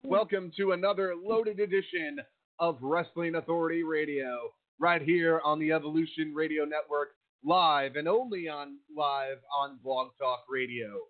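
Through a thin, phone-like connection comes a man hosting a live wrestling talk show on internet radio. His voice sits a bit on the high side. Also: moderate pace.

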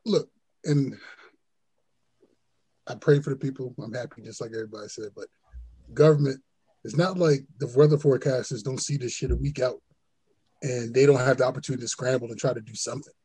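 A man co-hosting a casual sports podcast, talking in an animated way, swearing freely and often laughing. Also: medium pitch, fairly quick, pauses often, breathy edge, rough recording. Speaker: podcast co-host.

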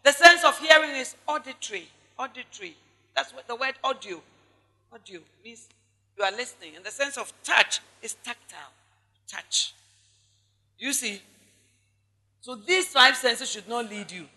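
A woman's voice: fairly high pitch, lively intonation, normal speed, long pauses, pushed and bright, big-room sound. A woman pastor with a Ghanaian accent preaching a sermon, stressing her points by repeating them and speaking straight to the congregation. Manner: emphatic preaching with repetition and asides to the congregation.

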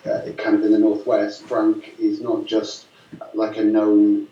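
A man's voice: on the low side, completely flat delivery, a little slow. A man, telling stories in a rambling, amused way with many fillers and restarts. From Lancashire, northwest England. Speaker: filmmaker guest. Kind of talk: casual storytelling interview. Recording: roomy, distant, dull mic sound.

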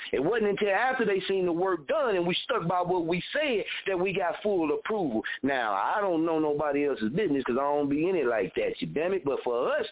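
A man in his thirties hosting a radio show, giving a blunt, fired-up motivational talk full of repetition and cursing. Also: fairly high pitch. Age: 30s. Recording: phone-like narrow audio.

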